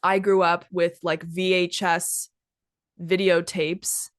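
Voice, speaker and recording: A twenty-something English teacher hosts an easygoing podcast chat, her voice on the low side with a level tone. She's chatty, relies on "like" and "kind of," and stops to explain words, all in clean studio sound with no room sound.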